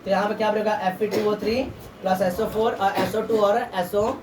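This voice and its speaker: A woman's voice: mid-range voice, flat delivery, a little fast, a little mellow. A woman teaches a class, firing questions at the students and repeating each answer back to them. Her voice comes from some distance in a roomy classroom, with faint noise behind it. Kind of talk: classroom lesson. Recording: echoey room from far off, faint background noise.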